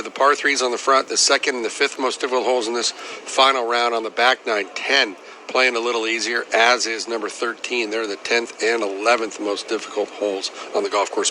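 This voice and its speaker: A man's voice: mid-range voice, bright, forceful tone, slight background noise. A man giving conversational golf commentary as an analyst, reacting to play and adding statistics.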